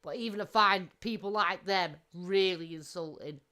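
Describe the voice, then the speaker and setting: A woman's voice: fairly low pitch, moderate pace, background noise. A woman co-hosting a livestream, chipping in with blunt, sweary, mocking remarks and greeting viewers. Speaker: livestream co-host. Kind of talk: casual livestream banter.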